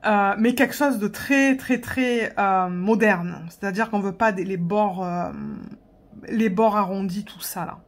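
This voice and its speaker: A woman's voice: mid-range voice, unhurried. A woman vlogger telling a story in a casual way while she works on a craft, chatty, with frequent laughter and hesitations.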